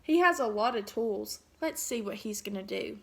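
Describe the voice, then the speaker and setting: A woman teacher reads a picture book aloud in a fairly high, warm, child-directed voice. She stops often to ask the children questions about the pictures. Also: lively intonation, normal speed, gravelly, slight background noise.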